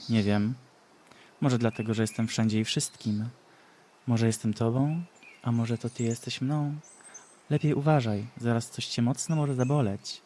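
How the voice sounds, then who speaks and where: A man voicing a cruel, mocking mad sorceress who speaks slowly and taunts in a sing-song way, for a storybook reading. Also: medium pitch, dark tone, slight background noise, lightly acted. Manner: slow, taunting, sing-song with cackling laughs.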